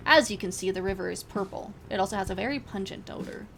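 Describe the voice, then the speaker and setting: An eager young fox reporter on the scene, as a woman streamer puts him on, loud and formal in a news-anchor way. Close to her own pitch, with faint game music behind. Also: fast talker, gravelly, natural voice. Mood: reporting. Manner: loud, formal broadcaster delivery.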